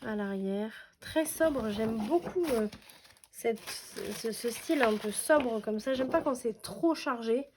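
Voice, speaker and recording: A woman's voice: on the high side, slow. Chatty woman, noisy room. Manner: chatty and enthusiastic, many fillers. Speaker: scrapbooking vlogger. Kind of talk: casual unboxing chat. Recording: noisy room with paper crinkling.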